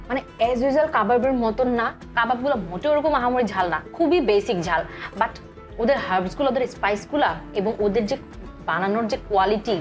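A woman with a Bangladeshi Bengali accent, giving a chatty food review in a restaurant. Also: a little high. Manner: chatty, mixes English words into her talk. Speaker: food vlogger. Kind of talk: casual food review to camera.

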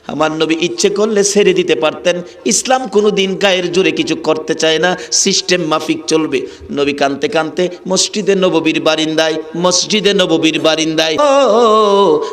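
A man's voice: a little high, steady tone, moderate pace, a bit bright. A male preacher narrating a dramatic sermon story in a chanting, emotional delivery.

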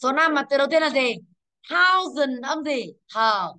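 A woman's voice: sits high, animated, measured pace, sharp tone. A woman teaching English to a class, quizzing pupils and drilling pronunciation. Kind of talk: classroom lesson.

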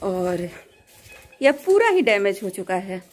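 Speaking slowly with big swings in pitch, this middle-aged Bihari woman has a mid-range voice and a Bihari Hindi accent. She's a vlogger and mother from Bihar, India, recording a relaxed walk through an old village school as she guides her son. Her phone is at arm's length, and there's slight background noise.

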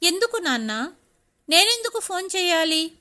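A woman's voice: extremely high pitch, very animated, normal speed, pushed and bright, voice pushed up, exaggerated voice. A woman voicing a stubborn young wife who is tearful and defiant. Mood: hurt, defiant.

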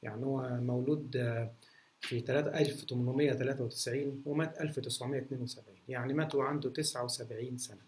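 A man's voice: mid-range voice, fairly even intonation, rapid-fire, a little mellow. A man with an Egyptian Arabic accent, a martial arts instructor answering viewer questions in a casual talk, full of fillers and restarts. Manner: hesitant, many restarts and fillers. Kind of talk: casual Q&A monologue.

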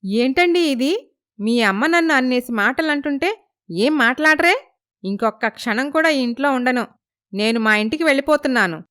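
A woman's voice: fairly high pitch, expressive, fairly quick, a bit bright. Spoiled young bride, woman voicing, defiant, petulant. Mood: sulking.

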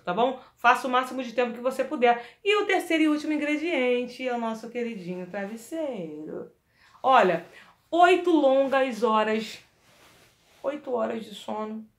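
A woman singing teacher giving a lively vocal lesson, coaching the listener directly and demonstrating exercises. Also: a little high. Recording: echoey room.

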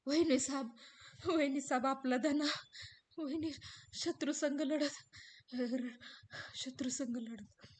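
Lady putting on a shaken servant guy, stammering, rural marathi dialect, high and loud. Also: steady tone, a little slow, pauses often. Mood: distraught. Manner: stammering, breaking into sobs. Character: distraught male servant bringing terrible news.

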